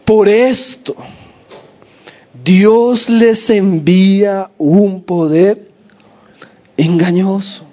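A man's voice: high voice, dull audio. A male pastor preaching a sermon with a sore throat, asking the congregation questions and calling them brothers.

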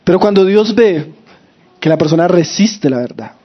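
A man with a high voice preaches to his congregation, his throat sore so he keeps from shouting. He leans on rhetorical questions and keeps calling the listeners brothers. The recording sounds dull and lo-fi. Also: animated, moderate pace. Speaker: pastor. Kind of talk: sermon.

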